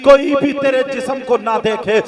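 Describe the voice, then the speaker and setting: A male preacher telling a story and shouting exhortations in an impassioned sermon at a religious gathering. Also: very high-pitched, fairly even intonation, moderate pace. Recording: distant mic with crowd noise.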